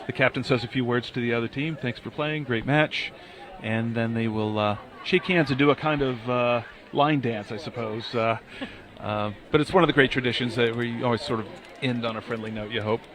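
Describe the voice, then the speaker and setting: A man giving live sports commentary, explaining the game in a relaxed way. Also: mid-range voice, brisk. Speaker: play-by-play commentator. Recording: crowd noise behind.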